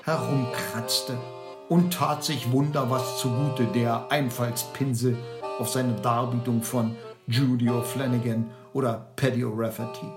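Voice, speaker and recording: A male audiobook narrator with a mid-pitched voice, reading slowly and theatrically. He sinks low for moments of dread. The recording sounds roomy, with guitar music playing behind him. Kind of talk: audiobook storytelling.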